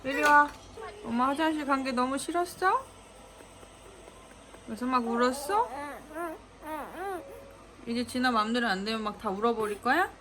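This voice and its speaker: High, lively mother cooing baby talk. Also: moderate pace, pauses often, a loud crowd. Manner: doting, soothing baby talk. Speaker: mother filming her baby. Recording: music playing behind the voice. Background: background music.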